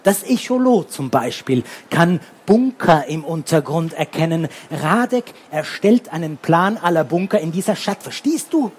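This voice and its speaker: A man's voice: a little high, expressive, measured pace, hardly any pauses, slightly rough. A man voicing a clever, nosy schoolboy who lectures eagerly in a children's audiobook. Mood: impatient. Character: know-it-all schoolboy, clever and impatient.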